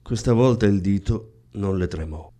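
A man reading a novel aloud in a slow, hushed, measured way. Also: on the low side. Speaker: audiobook reader. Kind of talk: scripted literary narration.

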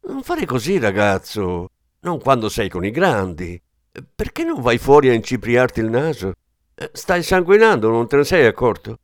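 Narrator voicing a hard-bitten ex-cop, cool and threatening, dry delivery. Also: male voice, mid-range voice, very animated, brisk, dry recording. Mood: mocking. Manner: cool, threatening, dryly mocking.

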